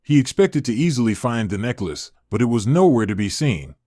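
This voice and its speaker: A man's voice: mid-range voice, big pitch swings, fairly quick, mellow, no room sound. Man narrating a story in a dry voice. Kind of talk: scripted narration.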